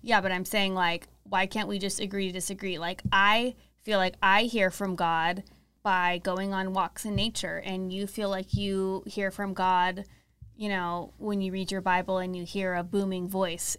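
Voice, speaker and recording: Podcast lady, earnest and chatty, laughs a lot, smooth clear voice, dry sound. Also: medium pitch, fairly bright tone, dry recording. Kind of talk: casual chat.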